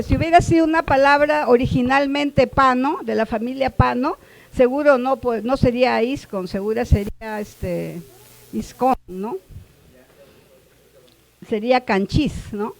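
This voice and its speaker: Slow, high-voiced woman teaching. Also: vocal fry, no echo, poor audio. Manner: checks in often with the class, repeats words slowly. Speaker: workshop instructor. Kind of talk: classroom explanation.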